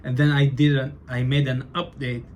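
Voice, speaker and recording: A young man chatting loosely to his camera, mid-pitched and unhurried, dropping fillers and restarting his sentences as he goes. Faint background noise sits under his voice. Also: level tone. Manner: loose and chatty, says bro and like a lot, stutters. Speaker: vlogger documenting his business. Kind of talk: casual talking-to-camera vlog.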